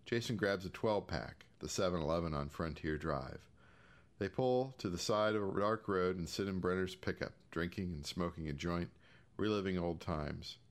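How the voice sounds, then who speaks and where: Working from a script in audiobook style, an American man with a low voice narrates a short piece of fiction as a storyteller. He reads at a moderate pace.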